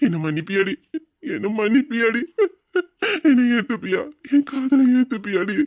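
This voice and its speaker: A man's voice: high voice, normal speed, a little mellow, lo-fi sound. A man playing a sobbing remorseful husband. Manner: sobbing, pleading, voice breaking between laughs and tears. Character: remorseful husband, weeping over his devoted wife. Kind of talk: Tamil audio drama.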